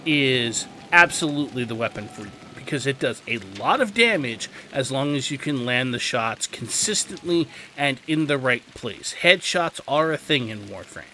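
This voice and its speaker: With a sharp tone at medium pitch, a man hosts a video game guide. He explains gameplay in a casual, instructive, slightly wry way. Game ambience runs clearly underneath.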